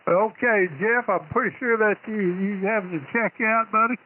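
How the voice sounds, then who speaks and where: Male net control operator, high-pitched, informal and folksy, on a narrowband single sideband radio signal with faint static. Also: fairly even intonation, normal speed. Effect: single sideband radio transmission. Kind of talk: casual radio net check-in chat.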